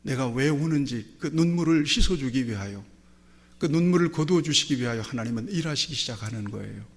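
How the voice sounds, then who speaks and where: A man's voice: medium pitch, expressive, fairly quick. A male pastor preaching a sermon, telling Bible stories and acting out quoted prayers and dialogue. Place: church sanctuary. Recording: long hall reverb.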